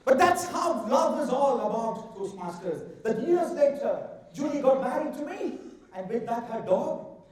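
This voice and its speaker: A middle-aged man from India with an Indian accent delivers a rehearsed humorous contest speech in a theatrical, deliberate way, drawing out words for emphasis. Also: very high voice, expressive, crowd noise. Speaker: contest speaker. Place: large indoor event hall. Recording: echoey hall, far from the mic.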